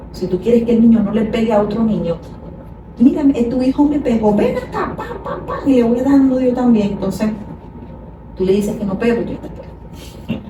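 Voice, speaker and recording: A woman explains child behavior with patient, practical examples. She sits well back from the microphone in an echoey room, with steady noise behind her. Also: medium pitch. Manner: explains patiently, acts out parents' scolding. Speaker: child psychologist guest. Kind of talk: conversational explanation. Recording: echoey room, far from mic, noisy.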